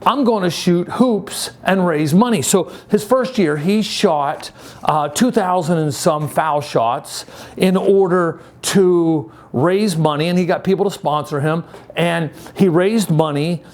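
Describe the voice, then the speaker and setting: A man in his sixties, acting as a youth group leader, gives a casual, upbeat talk in the style of a youth pastor. He speaks conversationally and haltingly, repeating phrases for emphasis, and his voice sits high.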